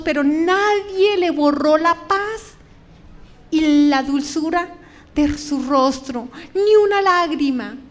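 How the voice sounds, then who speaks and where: Middle-aged woman telling her faith story to a crowd, high voice, drags words out, gets choked up. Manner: dramatic, slows down and stretches words, voice breaks with emotion. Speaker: speaker giving a religious testimony. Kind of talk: emotional testimony to an audience.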